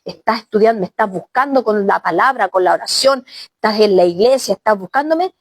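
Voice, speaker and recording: A woman's voice: medium pitch, animated, brisk. A woman pastor preaching a sermon, often exclaiming and speaking straight to the congregation as brother and sister. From Chile.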